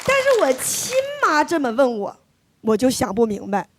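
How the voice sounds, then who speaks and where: Woman, stand-up comic, high voice, very lively swings, teasing punchlines, faint audience behind. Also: normal speed, a faint crowd, slight background noise. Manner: chatty, teasing, punchline-driven delivery. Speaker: stand-up comedian. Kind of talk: stand-up comedy set. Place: stage before a live audience. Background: audience laughter.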